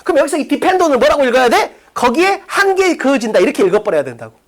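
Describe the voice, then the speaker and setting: A woman's voice: sits high, very animated, racing. A woman teaching an exam-prep English class in an academy classroom, firing off rhetorical questions and bluntly insulting students with profanity. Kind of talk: lecture on exam reading questions.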